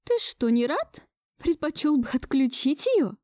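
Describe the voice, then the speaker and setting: A woman's voice: on the high side, very animated, moderate pace, darkish tone, dry recording, studio quality, pitched above the performer's own voice. A woman reading an audiobook voices a stubborn, pushy old grandmother in a raised, reproachful voice.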